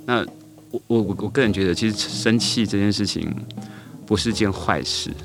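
A man's voice: lowish voice, moderate pace, music in the background. A middle-aged man, a teacher guest on a podcast, tells a story unhurriedly, with many hesitant fillers and restarts. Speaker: guest, elementary school teacher.

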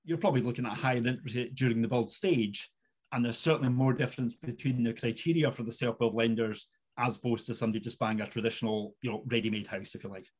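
A middle-aged man with a Scottish Highland accent, talking conversationally as an expert guest in an interview. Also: quick pace. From Inverness, Scottish Highlands.

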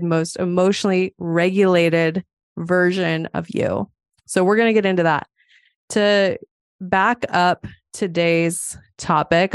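A woman's voice: lowish voice, smooth, dry recording, clean studio sound. A woman from Montana hosting a solo podcast as a psychologist, chatty and explanatory. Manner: chatty, explanatory, laughs now and then.

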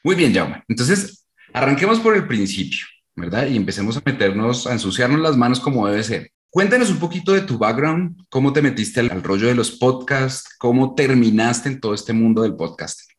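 A man co-hosting a podcast, asking questions in a relaxed, conversational way. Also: medium pitch, normal speed. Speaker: podcast co-host. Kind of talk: casual interview hosting. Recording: roomy echo.

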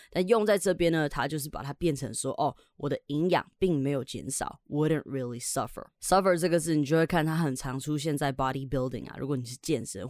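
A woman's voice: rumbling low, no room sound, clean studio sound. A woman from Taiwan, hosting a podcast lesson as an English teacher. She is upbeat and chatty and explains words step by step.

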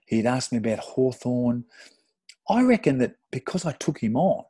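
A middle-aged Australian man, a former footballer, telling an animated, sweary anecdote with self-deprecating laughs in casual podcast chat. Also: mid-range voice, normal speed, breathy edge. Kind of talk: casual storytelling.

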